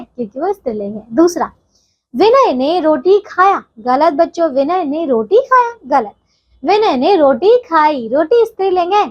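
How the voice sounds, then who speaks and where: A woman's voice: high-pitched, lo-fi sound. A woman teaching a grammar lesson to young children, patient and explaining step by step, often checking that they follow.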